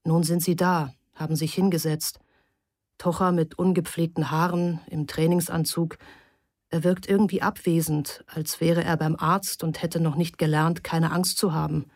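A woman narrating a story in a calm, even, measured scripted reading. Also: low voice, no room sound, clean studio sound. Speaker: audiobook narrator.

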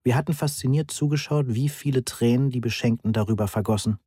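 A man reading a first-person story aloud in an even, matter-of-fact way. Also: mid-range voice, fast talker, slightly rough, no echo, clean studio sound. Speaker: audiobook narrator. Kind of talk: scripted first-person narration.

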